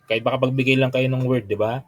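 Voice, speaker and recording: With a steady mid-range voice and a quick pace, a young adult Filipino man runs an online licensure exam review. He reads out quiz items, then questions listeners using frequent tag questions, switching politely between English and Tagalog.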